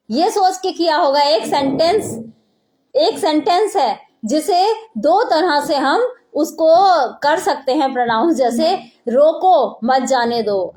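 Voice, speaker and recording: A woman's voice: sits high, a little mellow. A middle-aged woman preacher giving an earnest sermon, repeating key phrases for emphasis.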